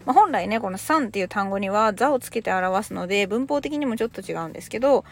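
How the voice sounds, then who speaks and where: A woman's voice: mid-range voice, expressive, fast. A woman in her thirties from Japan, giving a chatty podcast English lesson with casual explanations. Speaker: English teacher.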